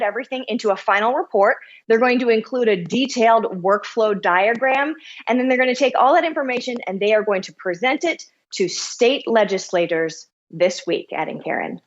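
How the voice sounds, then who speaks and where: A woman files a scripted news report in a brisk, upbeat way. Her voice sits fairly high, and the recording sounds a little muffled and lo-fi. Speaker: news correspondent.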